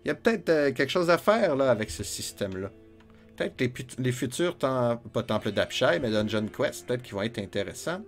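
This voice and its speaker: A man with a Quebec French accent narrates his game session in a loose, joking way, chatting aloud to himself as he plays. His voice sits at an ordinary middle pitch. Soft music plays faintly behind him. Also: very animated, brisk. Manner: joking, chatty, talks to himself while playing. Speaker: gamer. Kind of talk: let's play commentary.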